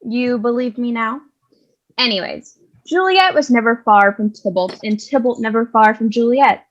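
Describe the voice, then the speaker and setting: Here a woman plays a scolding nun narrator for a comic stage reading, a brash, sarcastic character who takes over the telling of the story. She sounds wry and bossy, with a sassy, scolding manner, speaking naturally at a moderate pace in a fairly high pitch, though the highs are cut off.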